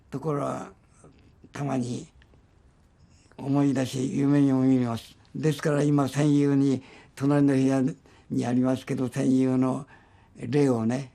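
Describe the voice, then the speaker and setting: A man from Japan in his nineties, a former soldier, recalling his memories in an interview in a measured way with pauses. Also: mid-range voice, vocal fry, dark tone. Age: 90s.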